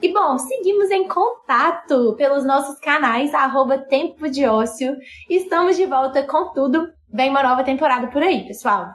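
Woman host, high pitch, cheerful sign-off delivery, echoey video-call room. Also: animated, moderate pace. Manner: upbeat, plugging links. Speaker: live-stream host. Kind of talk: casual live-stream chat.

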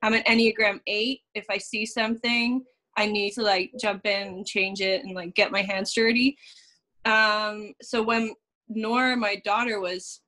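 A woman's voice: medium pitch, little pitch movement, a little slow, bright, forceful tone. A woman from the Netherlands, in her thirties, chatting as a podcast guest, with many fillers and frequent laughs. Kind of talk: casual interview chat.

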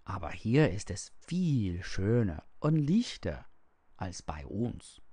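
A man's voice: lowish voice, sing-song, takes it slowly, mellow, husky, dry recording, full character voice. A man reading aloud and voicing a small, wonder-struck boy from a cave who asks eager questions. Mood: excited.

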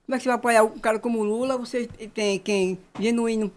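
A man's voice: extremely high pitch, steady tone, fast. A man in casual, opinionated chat, repeating his phrases for emphasis.

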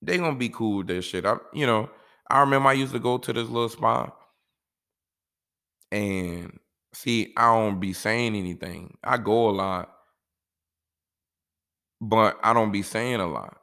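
A man's voice: fairly low pitch, a little slow, gravelly, pauses often, pushed and bright. A man talking casually and giving life advice in a laid-back, rambling way, often saying "you know".

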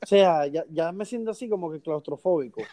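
A man's voice: on the high side, brisk, warm tone. A young Venezuelan man from Ciudad Guayana, ranting with indignation and crude slang in casual chat as podcast co-host.

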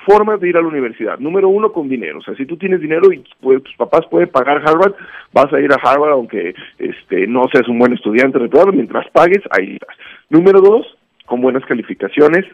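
Appearing as a guest commentator on a radio segment, a man with a Mexican accent gives a conversational motivational talk. His voice sits on the high side, swinging widely in pitch and moving fairly quickly, and he teaches emphatically through anecdotes and rhetorical questions. The audio is dull.

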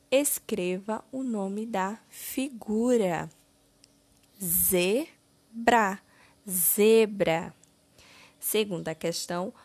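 A woman teacher with a Brazilian Portuguese accent going through a children's exercise, stretching each word slowly and clearly. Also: medium pitch. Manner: slow, deliberate, syllable-by-syllable word stretching. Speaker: primary school teacher. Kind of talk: slow, clear lesson narration.

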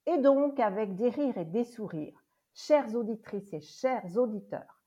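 A woman hosting a podcast interview as a coach, speaking in a measured way with small hesitations. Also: fairly high pitch, animated, dull audio. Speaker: host and coach. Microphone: remote interview recording.

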